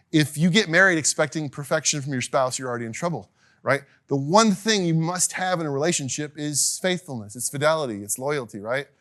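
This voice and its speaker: Lively, chatty male lecturer. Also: fairly high pitch. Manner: animated, chatty, acts out quotes with laughs. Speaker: teacher. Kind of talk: casual classroom lecture.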